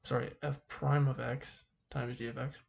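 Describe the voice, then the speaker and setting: A man speaking through a face mask, giving an informal calculus lesson in a halting way, thinking aloud as he goes. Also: medium pitch, little pitch movement, creaky. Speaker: math teacher.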